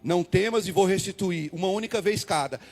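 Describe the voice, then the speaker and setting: A man preaching a sermon as pastor, repeating key words and swinging from loud calls to hushed asides. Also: high voice, fairly quick. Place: church hall. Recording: long hall reverb, faint music.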